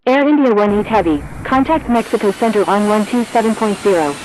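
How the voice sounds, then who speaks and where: A woman's voice: mid-range voice, fairly quick, natural voice. Woman as clipped air traffic control radio voice. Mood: procedural. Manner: clipped, formulaic, scripted delivery. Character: brisk procedural airport tower controller.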